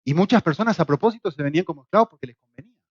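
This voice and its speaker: A man's voice: high-pitched, racing, husky, dry recording. Man, Argentine Spanish accent, middle-aged, church class teacher, rhetorical questions, joking, dull lo-fi sound. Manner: lively, asks rhetorical questions, jokes. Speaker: Bible teacher.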